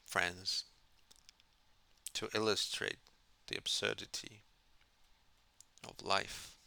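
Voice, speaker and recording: A man's voice: fairly low pitch, flat delivery, very slow, gravelly, sharp tone, no room sound. A man streaming a card game, musing in a mock-philosophical way and asking himself questions as he plays. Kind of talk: casual live-stream commentary.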